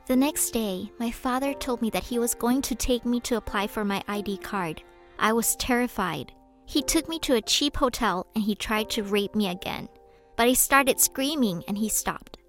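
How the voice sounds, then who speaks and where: Woman, interpreter voice-over in first person, higher voice, steady measured read, soft music underneath. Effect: interpreter voice-over speaking in first person. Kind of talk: translated first-person testimony from a video.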